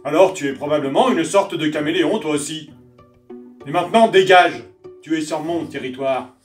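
A woman voicing a grumpy, territorial chameleon that scolds loudly, in a storybook reading. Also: sits low, moderate pace, close to an everyday voice. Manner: gruff, scolding, loud. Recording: roomy, distant mic, faint guitar.

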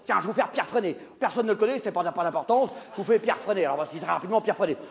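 A man playing a flustered, stammering male theatre director in a live comedy sketch, hesitating and then bursting into shouts. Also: sits high, very fast, gravelly. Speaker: comic stage performer. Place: theatre stage with live audience. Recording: live stage recording, audience noise.

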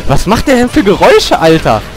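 A man commenting on his own gameplay, grumbling and cursing at the game, with loud yelps and outbursts whenever he gets hit. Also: high-pitched, wildly swooping pitch, brisk, soft background music. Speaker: let's player. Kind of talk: gaming commentary.

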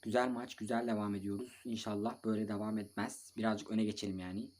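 A young man commentating live on his own mobile football match. He calls players by name, scolds them, swears a little, breaks into shouts and talks to viewers between plays. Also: fairly low pitch, level tone, quick pace. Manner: bursts of shouting and mild swearing. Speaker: mobile football gamer and video maker.

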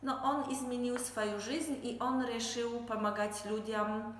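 A woman with a Polish accent gives interview answers in halting, non-native Russian. Her pace is very slow, with gaps while she searches for words. The room is heavily echoey, with a long reverb tail around her voice. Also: on the high side, steady tone, slight background noise. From Poland. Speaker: interview guest, translator and health consultant.

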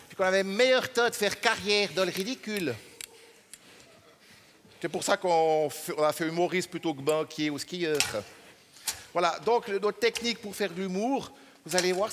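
A deadpan Swiss comedian with a rather high voice and a Swiss French accent, speaking slowly and haltingly from a large stage. His words ring out with a long hall reverb, and clear noise sits underneath. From Switzerland. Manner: deadpan, hesitant, many fillers. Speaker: stand-up comedian.

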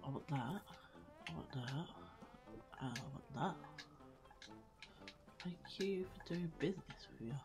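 A woman chatting her way through a video game in a low, unhurried voice that leaps all over the place. She squeals at anything cute and drops into muttered asides under her breath. Faint game music plays behind her. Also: lively intonation. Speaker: gaming video creator. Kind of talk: casual gameplay commentary.

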